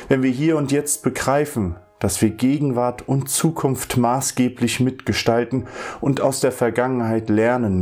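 A man giving a formal spoken address to introduce a short radio play, measured and solemn in manner. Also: mid-range voice, darkish tone.

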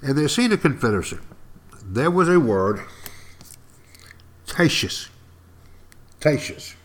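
An older man speaks in an East Texas accent at an average pitch. He tells history informally, like a podcast host talking straight to listeners. His delivery is folksy and wry, with deliberate pauses and repeated phrases for emphasis. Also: big pitch swings. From East Texas, United States.

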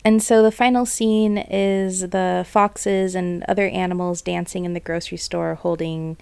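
A young woman reading a picture book aloud, with relaxed, chatty asides describing the pictures. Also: lowish voice, measured pace, vocal fry, clear, resonant tone, no room sound. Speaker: storyteller.

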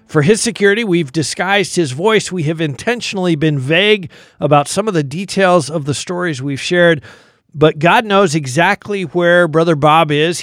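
A man's voice: high-pitched, a bit bright, no room sound, studio quality. An American man hosting a radio program, reading a scripted sign-off in an earnest, polished way. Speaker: radio host.

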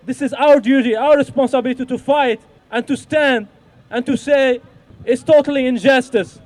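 A man's voice: extremely high pitch, steady tone, normal speed, a little mellow. A man from Algeria addressing a protest rally in an impassioned, declaiming way. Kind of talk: rally speech.

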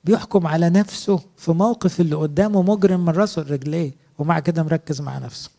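This sermon comes from a middle-aged priest whose Egyptian Arabic accent colors a slightly high, creaky, dark voice. He talks fast and earnestly, posing rhetorical questions to those listening.

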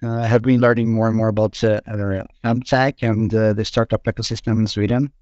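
A man, a podcast guest, talking in a halting way with many fillers. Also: fairly low pitch, level tone, darkish tone, no echo, lo-fi sound. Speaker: guest, product manager. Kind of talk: casual podcast chat.

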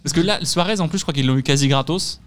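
A man, co-hosting a casual football chat, quick and enthusiastic with a joking edge. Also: a little high, a crowd in the background. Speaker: football podcast co-host.

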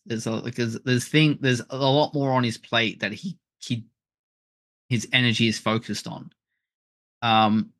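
A man's voice: medium pitch, fairly bright tone, no echo. A man co-hosting a comics film podcast, talking casually and with enthusiasm about the cast. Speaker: podcast co-host.

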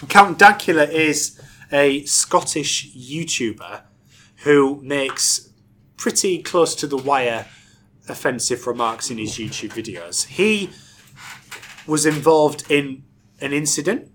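A man hosting a casual group discussion, his voice sitting a little high. He talks loosely and chattily, often stopping and restarting sentences. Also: animated, slow pace, a bit bright, slight background noise. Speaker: discussion host.

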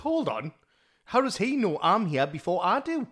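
A man's voice: sits high, very animated, moderate pace, music in the background. A man in his thirties, complaining and grumbling as a player in a tabletop game. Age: 30s.

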